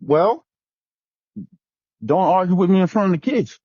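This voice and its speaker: A man's voice: high-pitched, lively intonation, unhurried, husky, dry recording. Rambling man with a dull, dry sound. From New Jersey. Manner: rambling, repeats himself. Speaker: panelist. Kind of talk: casual panel discussion.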